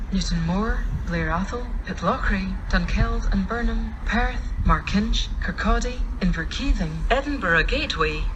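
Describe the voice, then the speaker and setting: A woman's automated train station announcement over a loudspeaker, listing stops in a measured, evenly spaced way. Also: mid-range voice, background noise. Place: railway station platform. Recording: distant loudspeaker with clear music behind.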